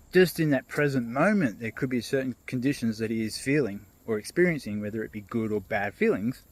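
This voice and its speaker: A man vlogging while out on a walk, casually telling a fable and musing on feelings. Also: medium pitch. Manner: relaxed, loose, with fillers and restarts. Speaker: motivational vlogger. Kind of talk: casual storytelling vlog. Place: outdoors on a walk.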